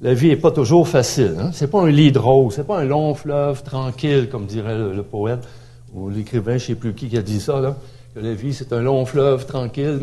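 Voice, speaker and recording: A man's voice: medium pitch, mellow. A middle-aged man with a Québécois accent preaching a sermon in a conversational way, with frequent filler tags and repeated words. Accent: Québécois French. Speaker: pastor.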